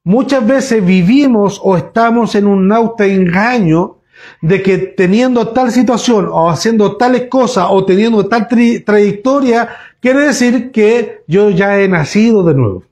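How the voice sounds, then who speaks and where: A pastor preaches in a fairly high voice. He talks to his congregation in a loose, storytelling way, often breaking off and restarting his sentences. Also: a little slow, darkish tone. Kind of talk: sermon. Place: church.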